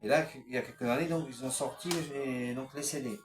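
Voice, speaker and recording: A man films a casual, unscripted vlog of his CD collection, reading off song titles in a hesitant way full of fillers. He speaks briskly at a medium pitch in an echoey room, with music playing underneath.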